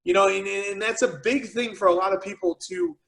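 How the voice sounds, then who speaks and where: A man who founded a business, speaking as a guest on a video call with energetic, casual motivational talk full of "you know" and "right". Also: high voice, a little fast, gravelly, low-quality recording.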